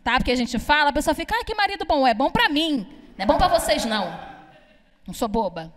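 A woman's voice: high voice, very animated, fast talker, long reverb tail, a little hiss or hum. A young woman from Brazil, doing a brash, chatty stand-up comedy set and teasing the crowd. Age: young adult. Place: comedy club stage. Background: audience laughter.

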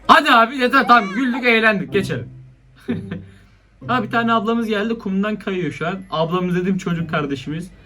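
A man's voice: high-pitched, brisk, pushed and bright. A young man giving casual, slangy commentary on funny video clips, often laughing and exclaiming. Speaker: YouTuber reacting to funny clips.

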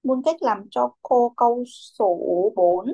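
Young woman teacher running a kids english class, patient, calls on kids by name, voice a bit high, drops english words in. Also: slow, mellow. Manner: patient, calls on pupils by name and repeats their answers; mixes English words into her instructions. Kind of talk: guiding a children's English class.

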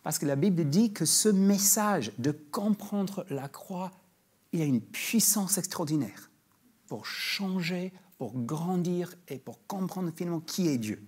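A man giving a sermon as a guest preacher in church, talking in a conversational way with frequent restarts, and reading scripture slowly and emphatically. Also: high-pitched, expressive, darkish tone, husky. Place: church sanctuary.

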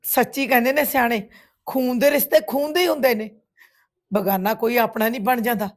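Actress doing a teary, accusing punjabi sister in a village drama. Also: female voice, fairly high pitch, steady tone, brisk. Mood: bitter reproach. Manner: reproachful, tearful accusations. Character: bitter grieving village woman, middle-aged, accusing. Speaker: actress playing a grieving sister. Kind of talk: village web series drama.

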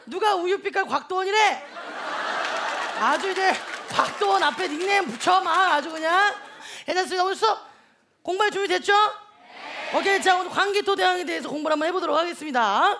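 A man's voice: extremely high pitch, a little fast, vocal fry. A comedian playing a brash, chatty young female online-lecture teacher who teases a live audience in a TV comedy sketch. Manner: loud, bragging, teasing the audience. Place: TV comedy stage. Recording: studio audience laughter and noise.

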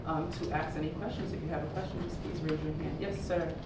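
A woman's voice: low-pitched, fairly even intonation, fast. Woman moderating a panel, encouraging tone, echoey, noisy recording. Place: conference room, standing at a podium. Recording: echoey distant room recording with noise.

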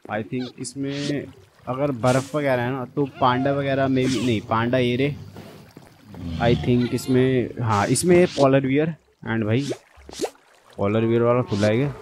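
A man's voice: mid-range voice, steady tone, a little slow, noisy background. A young man giving casual, chatty commentary on his own gameplay and talking straight to his viewers. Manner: chatty, addresses viewers as brother. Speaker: gaming channel host.

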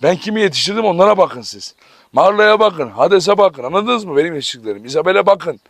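A man's voice: high voice, animated, fast, a bit bright, dry recording. A man running a dog farm vlog, calling commands to his dogs and talking animatedly to his viewers. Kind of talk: casual vlog narration.

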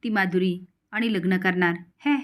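A woman's voice: fairly low pitch, steady tone, moderate pace, lightly acted. A woman narrator reading the lines of a sly village woman who gossips and hints at trouble. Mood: gossipy. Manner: insinuating, gossipy.

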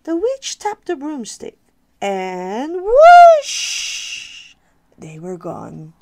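A woman reading a rhyming picture book aloud for children, expressive and sing-song. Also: medium pitch, unhurried, vocal fry, background noise. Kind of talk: storybook read-aloud for kids.

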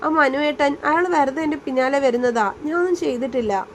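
A woman's voice: high voice, moderate pace, slight background noise, lightly acted. A woman doing a timid young college girl. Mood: pleading. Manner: hesitant, faltering, pleading.

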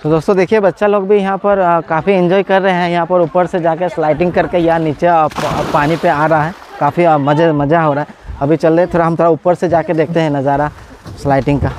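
A man's voice: on the high side, noisy background. A man in his forties with a cold, chatting casually as he vlogs at an outdoor water park, filming himself by phone at arm's length. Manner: chatty, excited, laughs often, many filler pauses. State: has a cold. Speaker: vlogger. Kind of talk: casual vlog commentary. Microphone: phone selfie at arm's length.

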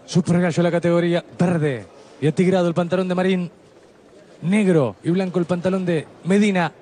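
A man's voice: high voice, fairly even intonation, brisk, a little mellow. A man doing terse live blow-by-blow boxing commentary. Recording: faint ringside venue noise behind.

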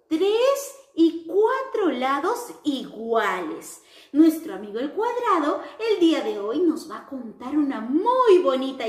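A woman teaching young children, telling them a story in a slow, animated, sing-song way. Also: sits high. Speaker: preschool teacher. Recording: roomy echo.

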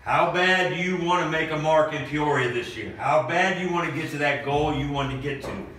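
Middle aged guy coach firing up the team with a pep speech, raised pitch, repeats himself for punch, far from the mic in a boomy room. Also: fairly quick. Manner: forceful, emphatic, repeating phrases for motivation. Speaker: high school basketball coach. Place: hard-walled indoor locker room with players standing around. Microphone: camera a few meters away. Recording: echoey locker room, far mic, noisy.

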